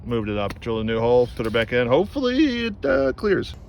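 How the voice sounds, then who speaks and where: A young man talks loosely while he works, joking and leaving sentences unfinished. His voice sits in a middle pitch. The camera picks up a lot of background noise around him. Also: huge pitch swings, brisk, creaky. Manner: joking, laid-back, trailing off mid-sentence. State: out of breath. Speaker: race team member filming. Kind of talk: casual chat while loading gear. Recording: noisy camera audio.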